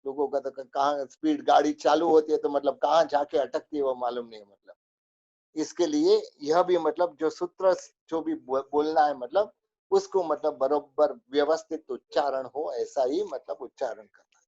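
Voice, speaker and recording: A man's voice: on the high side, normal speed, a little mellow, muffled recording. A man teaching a spoken religious lesson, going through a list of rules with many fillers.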